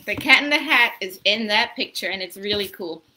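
Speaking into a laptop or phone at arm's length in a small home room, this thirties-aged pastor and story-time host teaches children in a relaxed way, keeping explanations simple and posing questions. Her mid-range voice is animated, brisk, pushed and bright. The recording is rough, with slight background noise.

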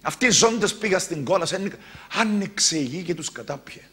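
A male pastor with a Cypriot Greek accent delivers a sermon in a high, very bright and piercing voice. He swings from loud, exclaimed declarations down to quiet, low asides. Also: animated, slightly rough.

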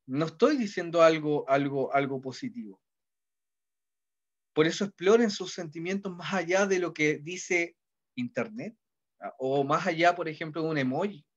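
Chilean teacher lecturing, lo-fi sound. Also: male voice, a little high, normal speed. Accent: Chilean Spanish. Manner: conversational, repeats ¿ya? to check in with students. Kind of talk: classroom lecture. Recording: dull lo-fi sound.

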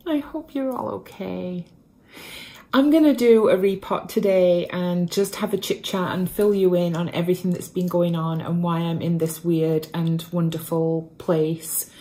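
A woman's voice: fairly low pitch, fairly even intonation, a little slow, warm tone. A woman vlogger chatting casually and self-deprecatingly while she repots houseplants at home, talking to a camera propped up in front of her. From Canada. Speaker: plant vlogger.

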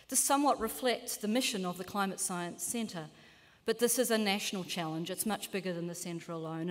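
A woman in her fifties with a New Zealand accent, giving a measured, earnest keynote lecture as a climate scientist in a large lecture hall. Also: fairly low pitch. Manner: measured, earnest, occasional self-corrections. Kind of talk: formal conference lecture. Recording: long hall reverb.

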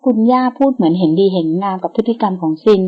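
A woman's voice: medium pitch, expressive, fast talker, slightly rough. A woman voicing a cocky young playboy grandson who stays polite while sounding smug, in a slightly dull recording.

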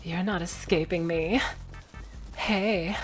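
A man's voice: high voice, fairly even intonation, slow pace, over music, pitched above the performer's own voice, low-quality recording. A man talking through a voice changer filter that makes him sound like a girl, playfully pushing items on strangers in casual in-game trolling chat. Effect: voice changer filter making him sound like a girl.

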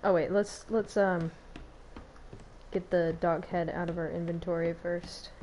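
A young woman chats her way through a game stream, giggling and talking to herself. Her voice is mellow and on the darker side, and she speaks slowly. A faint noise floor hums behind her. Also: lowish voice, fairly even intonation. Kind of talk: casual gameplay commentary.

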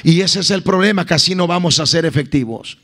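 A man's voice: on the high side, a little fast, a bit bright. A man preaching a sermon as a guest evangelist at a church service, impassioned and calling out to his listeners as beloved brothers.

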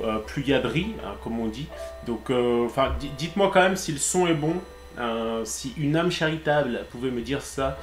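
A man with a French accent and a medium-pitched voice hosts a live painting stream, sounding relaxed and chatty. He pauses often with hesitant fillers, and the sound is reverberant.

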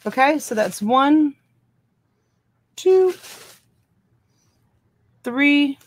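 A middle-aged woman hosting a live online auction from a room at home, counting items and calling bids slowly on a webcam. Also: high-pitched, animated.

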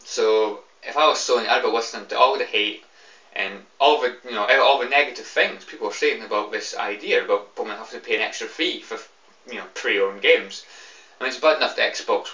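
A man's voice: medium pitch, a little fast, bright, forceful tone. A young British man, tipsy and annoyed, giving a rambling, repetitive, sweary off-the-cuff rant to a camera. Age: young adult. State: tipsy, drunk. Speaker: video game fan giving opinions. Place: small room indoors. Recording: roomy, distant, slightly dull webcam sound.

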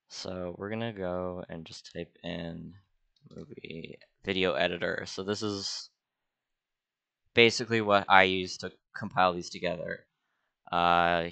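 A young adult man, an art student, talks casually through a screen-recorded drawing tutorial, offhand and self-deprecating. His voice is deep, pushed and bright, and smooth, with no echo.

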